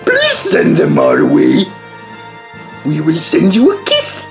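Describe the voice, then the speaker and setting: A man's voice: high-pitched, huge pitch swings, takes it slowly, vocal fry, music in the background, full character voice. A man doing an impression of an old little green alien master who speaks in inverted word order. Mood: scheming.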